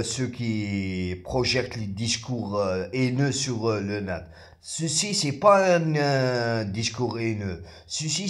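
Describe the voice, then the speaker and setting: A man who raps, delivering an agitated, confrontational rant straight at the camera, halting and repeating words, then pushing his voice up sharply when heated. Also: medium pitch. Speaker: rapper. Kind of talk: ranting monologue to camera.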